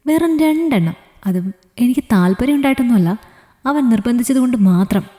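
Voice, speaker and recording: A woman's voice: fairly high pitch, expressive, brisk, mellow, pitched above the performer's own voice, close to an everyday voice. A woman storyteller voicing a young man who pleads and jokes with his fiancée, in a reverberant room. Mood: pleading. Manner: pleading, joking. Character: young man, loving and gently teasing fiancé.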